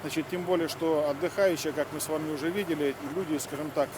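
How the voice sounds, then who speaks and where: Higher-voiced man, halting official explanation outdoors. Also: steady tone. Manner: halting, official phrasing with filler words. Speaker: fire service official. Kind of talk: interview explanation of a drill. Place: outdoors near fire vehicles. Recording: outdoor recording with vehicle noise.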